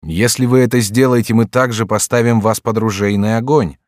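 A man reading the lines of an angry crowd of townsmen who shout accusations and demands. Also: mid-range voice, steady tone, fairly quick, no echo, clean studio sound, pitched above the performer's own voice, natural voice. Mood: angry, demanding.

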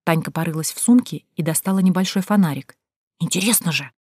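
Woman, audiobook narration, low mellow voice, measured hushed telling. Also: dry recording, studio quality. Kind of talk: first-person audiobook narration.

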